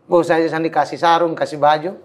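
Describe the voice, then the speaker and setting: A man's voice: fairly high pitch, little pitch movement, fast talker. A man from Timor, an Islamic preacher, telling his life story in a casual interview, acting out quoted dialogue and laughing often.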